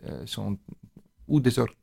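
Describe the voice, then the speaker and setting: A man speaks French with a foreign accent, his first language being Italian, in a gravelly, creaky voice. He explains like an interviewed expert, pausing often to hunt for the right word. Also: on the low side, big pitch swings, warm tone. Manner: halting, searching for words in imperfect French. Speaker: musician interviewed as expert on organ music.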